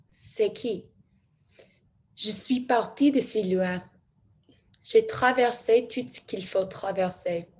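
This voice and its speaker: A young woman acting a searching young woman who has come from far away, speaking in slow, deliberate, repeated phrases in a stage monologue. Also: medium pitch, darkish tone. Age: young adult. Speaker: student actor.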